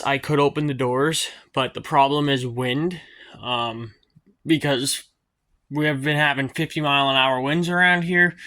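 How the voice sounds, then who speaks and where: A man's voice: fairly high pitch, bright, forceful tone. A man, talking casually through his work in his home garage, rambling with lots of ums. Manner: rambling, hesitant with many ums. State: out of breath at times. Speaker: garage vlogger. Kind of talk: casual workshop vlog.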